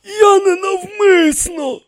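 A man voicing an ancient, frail high priest in an audiobook, with a shrill, quavering, half-wailing delivery. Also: slow pace, dry recording, clean studio sound. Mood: pleading. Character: ancient frail male high priest, seven thousand years old. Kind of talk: audiobook character voice.

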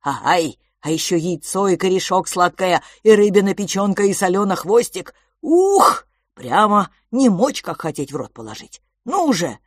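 A woman's voice: mid-range voice, sing-song, normal speed, hardly any pauses, no room sound, studio quality, voice pushed up. A woman voicing a jolly, greedy male cave creature who lists food with glee in broken grammar. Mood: gleeful. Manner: broken grammar, gleeful, exclamatory.

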